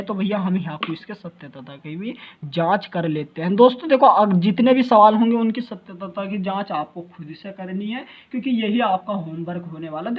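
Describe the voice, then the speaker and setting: A man's voice: high-pitched, lo-fi sound. A male math teacher giving a lecture, constantly asking his students rhetorical questions and calling them brother.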